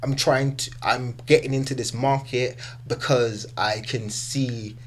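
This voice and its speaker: A man's voice: medium pitch, fairly even intonation, measured pace. A man with an urban London street accent, answering casually as a podcast guest, emphatic and often checking he is understood. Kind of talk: casual conversational interview answers.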